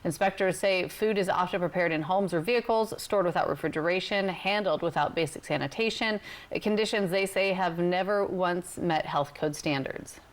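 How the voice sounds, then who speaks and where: Lower-pitched American woman news anchor. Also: normal speed. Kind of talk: scripted news reading.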